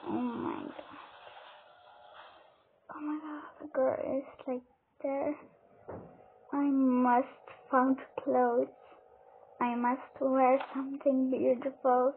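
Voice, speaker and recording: Slow, hesitant woman on tinny audio. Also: sits high, little pitch movement. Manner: hesitant, many fillers and exclamations. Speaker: game player. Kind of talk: playing a role-play game with commentary. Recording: tinny phone-like audio with faint noise.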